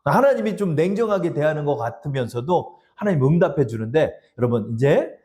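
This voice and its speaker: A man's voice: a little high, animated, a little fast, warm tone. A male pastor preaching a sermon in a church, telling stories with chuckles and leading the congregation in repeating lines. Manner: storytelling with chuckles and acted quotes, leads congregation in repeating lines. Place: church sanctuary.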